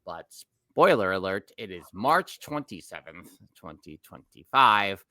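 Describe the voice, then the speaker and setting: Podcast co-host: middle-aged man, New York accent, rambling and self-correcting, low-pitched, dry close sound. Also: sing-song, a little slow, bright, forceful tone, no echo. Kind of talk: casual podcast chat.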